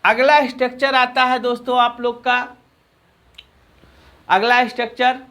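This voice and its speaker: A man with a Hindi accent teaching an English grammar lesson, repeating phrases slowly and answering his own questions. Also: very high voice, level tone, sharp tone.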